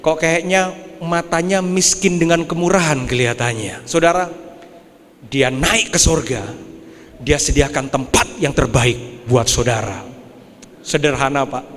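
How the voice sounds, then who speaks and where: A young male pastor with a high voice preaches a lively sermon. He drops to low, quiet asides and then rises to shouted climaxes. His voice rings through a hall with a long reverb. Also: a little slow, a little hiss or hum. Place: church hall.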